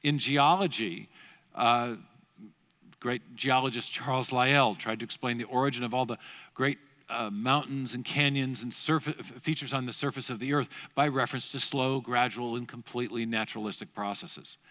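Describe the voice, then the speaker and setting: A middle-aged man gives a lecture-style talk to a church seminar, narrating history like a storyteller. His mid-pitched voice trails into a long reverb from the large hall. He stumbles and restarts now and then, adding quick asides. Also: fairly even intonation, bright, forceful tone. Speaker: guest speaker at a church seminar.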